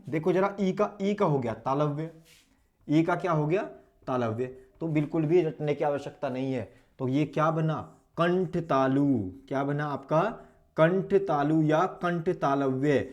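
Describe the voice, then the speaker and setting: A man teaching an online Hindi lesson, demonstrating each vowel sound slowly and aloud, and asking questions he then answers himself. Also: a little high, darkish tone. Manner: drills sounds aloud, asks and answers his own questions.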